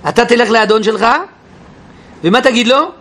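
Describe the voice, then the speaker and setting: A man teaching a Bible class in an animated way, questioning his listeners and acting out quotes. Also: extremely high pitch. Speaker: Torah teacher. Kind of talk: lively Bible class lecture.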